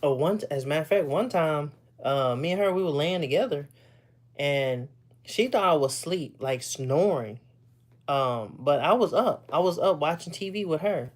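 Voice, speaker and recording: A man from Texas chatting casually with viewers. He is short of breath, rambles loosely, often clears his throat, and pauses to catch his breath. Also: on the high side, animated. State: short of breath, stops for air. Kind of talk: casual chat.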